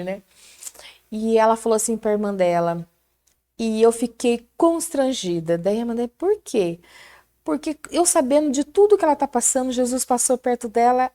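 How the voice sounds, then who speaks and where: A middle-aged woman with a Brazilian Portuguese accent giving an animated, fervent faith testimony in casual chat. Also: a little high. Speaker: prayer group guest.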